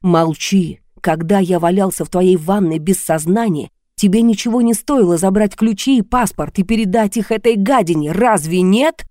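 A woman's voice: medium pitch, normal speed, hardly any pauses, dark tone, dry recording, clean studio sound, natural voice. A woman reading an audiobook, voicing an angry, jealous young man who speaks harshly and accusingly.

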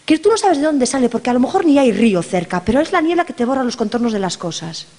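Animated woman storyteller, high and lively. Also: fast. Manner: playful, dramatic, talks to listeners directly. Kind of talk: live oral storytelling to an audience. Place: hall with an audience. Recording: long hall reverb.

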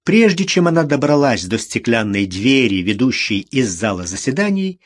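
Man narrating an audiobook in a measured way. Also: mid-range voice. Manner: measured, even storytelling. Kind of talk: scripted narration.

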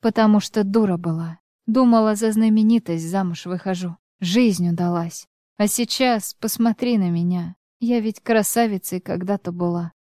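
A woman's voice: medium pitch, moderate pace, dark tone, no echo, studio quality, lightly acted. A woman reading a bitter, snapping ex-wife. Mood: scornful, bitter. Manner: scornful, snapping. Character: bitter, sharp-tongued ex-wife around forty.

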